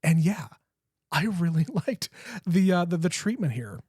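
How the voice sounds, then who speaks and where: A man's voice: on the high side, animated, a little slow, warm tone, husky, dry recording, clean studio sound. A man in his late thirties co-hosting a podcast, chatting casually, swearing freely and restarting his sentences. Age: 30s. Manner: profane, enthusiastic, stammering restarts. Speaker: podcast co-host. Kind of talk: casual chat.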